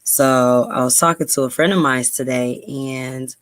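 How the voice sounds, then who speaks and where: Her voice rumbles low and stays steady, unhurried and a bit bright, with no echo in the sound. This earnest vlogger from New York, USA, chats casually to camera, full of ums and repetitions, then switches to reading aloud.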